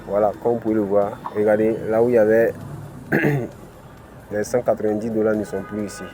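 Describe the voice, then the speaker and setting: Low, mellow-voiced French-speaking man. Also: steady tone, normal speed, a little hiss or hum. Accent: African French. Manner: explains step by step, many "ok" and "voilà" fillers. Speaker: crypto channel host. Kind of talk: screen-recorded tutorial walkthrough.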